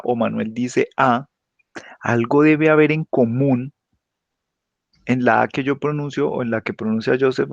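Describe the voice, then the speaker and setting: A man teaching a class, explaining patiently and constantly checking understanding with quick tag questions. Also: medium pitch, no room sound. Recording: dull lo-fi dry sound.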